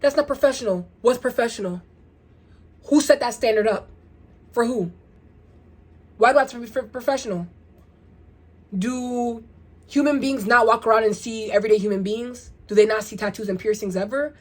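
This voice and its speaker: A young woman talking casually to her viewers in a rambling, animated vlog, firing off rhetorical questions. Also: fairly high pitch, moderate pace, long pauses. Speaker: vlogger. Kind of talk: casual get-ready-with-me vlog.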